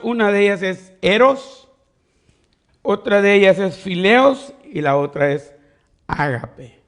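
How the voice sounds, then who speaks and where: A man preaching a sermon as pastor, teaching step by step and leaning on quoted questions. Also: a little high. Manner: teaching Bible study, explains words step by step.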